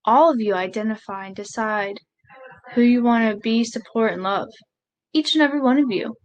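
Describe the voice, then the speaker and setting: A woman with a fairly high voice speaks a live sign language interpretation of a speech. Her delivery is halting, with pauses and self-corrections, and the recording quality is low.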